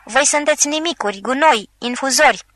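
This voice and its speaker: A woman's voice: sits high, a bit bright. A woman voicing a drunken, bombastic old male tragic actor who rants and hurls theatrical insults. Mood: raging.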